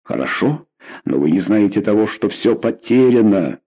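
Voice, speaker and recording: A man's voice: lowish voice, sing-song, moderate pace, warm tone, breathy edge. A man voicing a weary young king in an audiobook reading, speaking with urgent, commanding force. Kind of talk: audiobook character voice.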